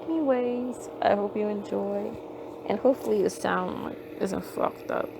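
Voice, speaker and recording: A woman's voice: medium pitch, moderate pace, creaky, background noise. Rambling woman recording on her phone. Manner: rambling, heavy "like" fillers, frequent swearing. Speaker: podcast host. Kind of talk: casual rambling monologue. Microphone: phone microphone.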